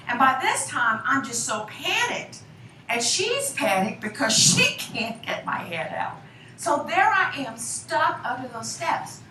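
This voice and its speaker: Woman, storytelling, animated, higher voice, distant mic, roomy echo, faint noise behind. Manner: animated, acts out her childhood voice. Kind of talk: personal storytelling.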